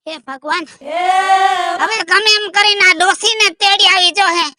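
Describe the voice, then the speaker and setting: A man's voice: extremely high pitch, normal speed, over music. A man playing a grumpy old village man whose wife has left, complaining and cursing in a theatrical way. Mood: scolding. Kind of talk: rustic comedy sketch acting.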